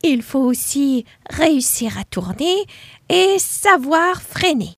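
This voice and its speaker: Woman playing an eager little sow, lively and bright. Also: sits high, slow, dry recording, clean studio sound, voice pushed up, exaggerated voice. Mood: determined. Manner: eager, hopeful, exclaiming. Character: small determined female pig learning to ride.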